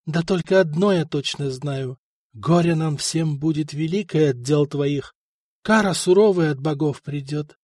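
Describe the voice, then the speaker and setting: A man reading the part of a worn-out young princess just after childbirth, speaking softly and plaintively. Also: a little high, a little slow, no room sound, studio quality. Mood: anxious. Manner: tired, soft and plaintive.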